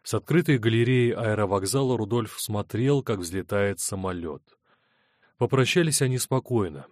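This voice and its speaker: A man reads audiobook narration from a script, keeping his delivery steady and measured. His voice is lowish, and the recording is dry and studio quality.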